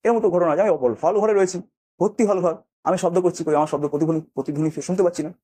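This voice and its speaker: A male physics teacher explains at a rapid clip, with a dark, mellow tone. He keeps asking his students whether they follow, and he calls out words twice to act out an echo. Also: high-pitched. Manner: explains with repeated check questions, acts out echoes. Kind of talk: classroom lesson.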